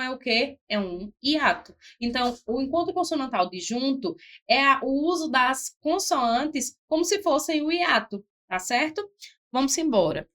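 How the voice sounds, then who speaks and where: A woman, speaking in a fairly high voice, walks students through exam-prep grammar. She teaches step by step, breaking words into syllables and pausing to ask if everyone is following. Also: a bit bright. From Brazil. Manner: didactic, spells out syllables, frequent "ó" and "certo?".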